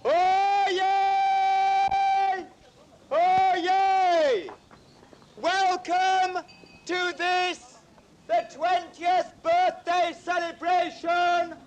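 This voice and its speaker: Male town crier: ceremonial outdoor proclamation, very high-pitched calling, extremely slow and drawn out. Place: outdoors at a street fair. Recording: faint background noise outdoors.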